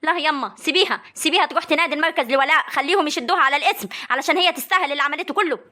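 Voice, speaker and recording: A scolding older Egyptian village mother, played by a woman, rattles off her lines at top speed. The voice is very high and bright. She chides and soothes her quarrelling family in a comic drama. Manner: chiding, soothing, fast talk. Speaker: mother and aunt in a family feud.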